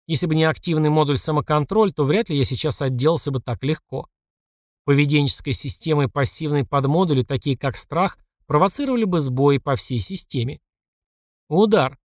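A man reading a first-person audiobook, who delivers the system messages in a clipped, flat report tone. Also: on the high side, dry recording, studio quality. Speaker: audiobook narrator.

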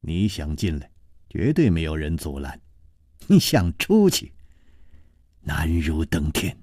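A man's voice: very deep voice, very animated, slow, warm tone, slightly rough, no room sound, studio quality, voice pushed down, exaggerated voice. A man voicing an icy scornful young woman. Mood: cold, scornful. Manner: icy, clipped. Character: cold proud young woman disciple of a palace.

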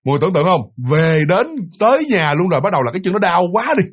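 A man's voice: sits high, expressive, very fast, husky. A man with a Southern Vietnamese accent telling a ghost story casually, talking straight to his listeners. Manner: chatty, addresses listeners directly.

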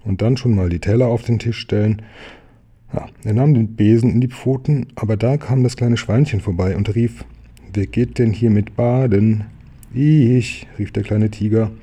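A man calmly reading a children's story aloud. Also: fairly low pitch, moderate pace, breathy edge. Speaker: storybook reader.

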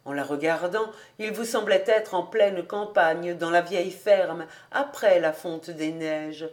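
A woman reading a classic novel aloud as an audiobook, calm and even-paced. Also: lowish voice, unhurried. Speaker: audiobook reader.

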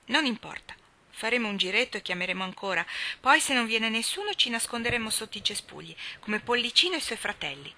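A woman voicing a bold, impatient and imaginative little girl in a storybook reading, bossy and quick-tempered. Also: on the high side, very animated, sharp tone, full character voice.

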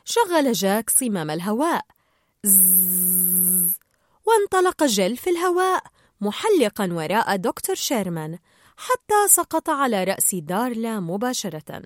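A woman narrating a children's storybook aloud in an expressive, lively way. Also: on the high side, normal speed, no room sound, studio quality.

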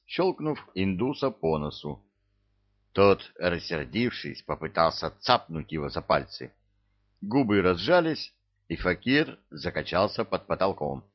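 A man with a very deep voice reads an audiobook at an unhurried pace. His pitch swings widely as he tells the story in a playful, expressive way. The recording is slightly dull and lo-fi. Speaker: audiobook narrator. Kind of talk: audiobook narration.

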